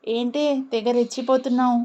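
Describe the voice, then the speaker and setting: A woman's voice: fairly high pitch, flat delivery, a little fast, darkish tone, close to an everyday voice. A woman voicing a mocking young woman who taunts another, on a dull lo-fi recording. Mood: taunting.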